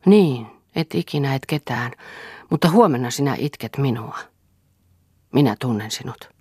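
Woman reading a sardonic, world-weary young man for a storybook, with a husky, breathy tone. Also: rumbling low, lively intonation, darkish tone, dry recording, clean studio sound, full character voice. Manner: bitter, hard, sardonic. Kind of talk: audiobook character reading.

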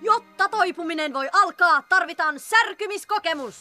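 Squeaky timid hare, very high, lively, radio play. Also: female voice, music in the background. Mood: earnest. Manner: earnest, easily confused.

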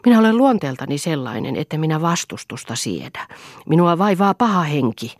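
A woman's voice: a bass voice, lively intonation, a little mellow, no echo, clean studio sound. A woman voicing a moody, self-pitying husband in an audiobook, speaking in sulky, boastful outbursts. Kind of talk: audiobook character reading.

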